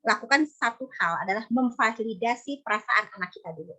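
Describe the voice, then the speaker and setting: A woman's voice: on the high side, lively intonation, a little fast, sharp tone. A woman in her thirties giving parenting advice in a conversational way, often acting out short dialogues between a mother and her child. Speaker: psychologist speaker. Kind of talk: parenting talk in an online study session.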